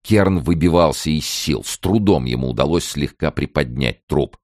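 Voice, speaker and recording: A man reading a novel aloud as an audiobook narrator, with measured, grave storytelling. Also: a bass voice, lively intonation, darkish tone, dry recording, studio quality.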